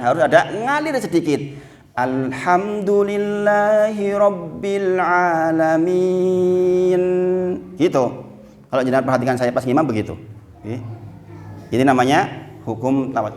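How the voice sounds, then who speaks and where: A man with a Javanese accent teaching Quran recitation to a congregation, slipping Javanese words into his Indonesian and chanting the Arabic verses slowly. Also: on the high side. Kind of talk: religious lesson to a congregation.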